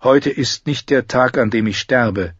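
Brief: solemn quiet youth, male narrator's take, measured and slow, husky tone, dull audio. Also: medium pitch, dry recording, pitched above the performer's own voice. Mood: calm. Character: calm, solemn young man, unafraid.

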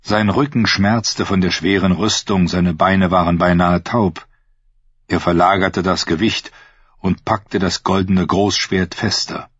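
A man reading an audiobook in a measured, husky voice. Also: low voice, steady tone, a bit bright, no room sound, highs cut off. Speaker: audiobook narrator. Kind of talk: scripted narration.

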